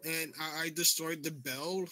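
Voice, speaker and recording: Bright-voiced, hesitant young man. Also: fairly high pitch, steady tone, a little slow. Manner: hesitant, stammering. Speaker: player. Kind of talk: casual game chat.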